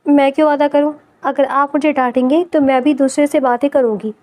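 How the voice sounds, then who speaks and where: Woman playing a young wife, high voice, pouting, playful, stubborn, innocent, storybook romance. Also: fairly even intonation, darkish tone, lightly acted.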